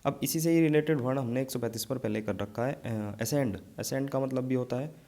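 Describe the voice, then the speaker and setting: A man's voice: mid-range voice, brisk, dark tone. A man teaching an exam vocabulary lesson, explaining memory tricks and checking in often with his students.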